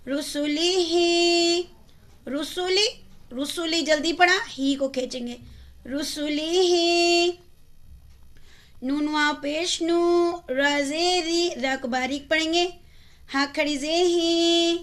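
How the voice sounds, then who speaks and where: High-voiced woman teaching Quran reading. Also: a bit bright. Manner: spells out letters and vowel marks, then slowly draws out syllables; asks the listener questions and answers them herself. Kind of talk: step-by-step recitation lesson.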